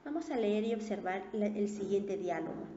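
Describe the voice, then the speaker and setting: Woman teacher, talks slow and patient, keeps checking "right?", mellow voice, echoey dull recording. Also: mid-range voice, animated, slight background noise. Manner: patient, repeats points with tag questions. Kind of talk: recorded online class.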